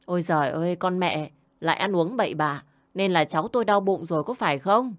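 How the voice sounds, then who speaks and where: A woman's voice: fairly low pitch, a little fast, natural voice. A woman doing a bossy old mother-in-law. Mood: scolding. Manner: scolding, insistent.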